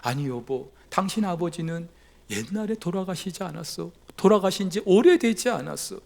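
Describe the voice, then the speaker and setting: A male pastor voicing a stern middle-aged husband who fires off indignant, sharp questions. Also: high-pitched, expressive, normal speed, vocal fry. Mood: puzzled. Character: startled then angry husband, middle-aged man, stern.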